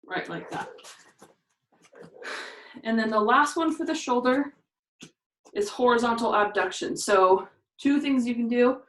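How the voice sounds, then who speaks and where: A woman's voice: a little high, a little slow, long pauses, fairly bright tone, slight background noise. Woman coaching exercises in an echoey room. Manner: talks through each move while doing it, counting reps. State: a little out of breath. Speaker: fitness instructor. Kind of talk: exercise demonstration. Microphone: camera mic from a distance. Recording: echoey room, voice far from the mic.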